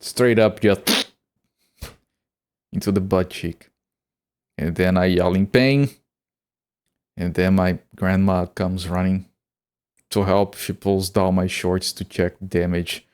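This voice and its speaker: Low and resonant with a darkish, clear tone, this man talks slowly and evenly, pausing often. Streaming a game, he chats casually, curses without restraint, and trips over his sentence openings by repeating words.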